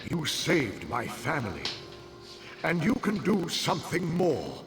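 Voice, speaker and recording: A man's voice: on the high side, huge pitch swings, exaggerated voice. An actor playing the earnest, tormented spirit of a dead man in a fantasy game, speaking solemnly and dramatically. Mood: grave, urgent. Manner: solemn, dramatic, deliberate delivery. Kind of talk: fantasy video game acting. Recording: game music behind the voice.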